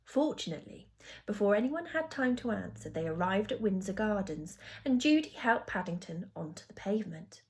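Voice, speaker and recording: A woman teacher with a mid-range voice reads a children's storybook aloud at a moderate pace, using an expressive storytelling style.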